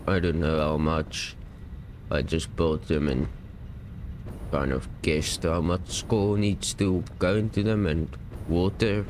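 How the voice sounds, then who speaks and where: Slow, low-voiced gaming man. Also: slight background noise. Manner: relaxed, unsure, rambling with self-corrections. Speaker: gaming YouTuber. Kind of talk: casual game world tour.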